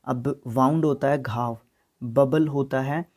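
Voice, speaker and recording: Mellow Haryanvi man teaching vocabulary. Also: medium pitch, steady tone. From Haryana, India. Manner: reads words slowly and spells them out, mixing Hindi and English. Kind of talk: recorded exam-prep lesson.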